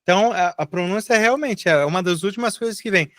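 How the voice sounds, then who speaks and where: A middle-aged man from Brazil teaches a live online English class, his voice bright and somewhat high. He explains patiently and has students repeat words back to him. The sound is dry and close. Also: quick pace, no echo.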